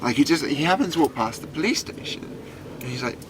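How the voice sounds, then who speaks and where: A man's voice: fairly high pitch, animated, quick pace, background noise. A young British man telling a story casually, chatty and full of fillers.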